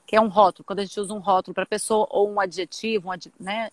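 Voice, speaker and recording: A woman's voice: mid-range voice, fairly even intonation, quick pace, no room sound. A woman explaining ideas in a casual teaching chat, thinking aloud and often restarting her sentences. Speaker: co-host explaining nonviolent communication.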